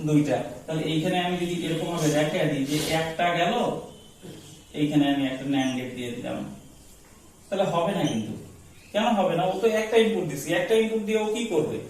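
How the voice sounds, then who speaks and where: A man teaches a class, tossing questions at students and waiting for their answers. His voice sits a little high for a man. It comes from far off in a very echoey room with a faint hiss. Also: fairly quick, a little mellow. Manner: quizzing students with call-and-response questions. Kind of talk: classroom lecture.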